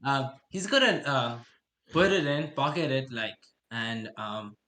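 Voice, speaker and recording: A tabletop game player talking casually, halting with many ums and restarts. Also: mid-range voice, expressive, sharp tone.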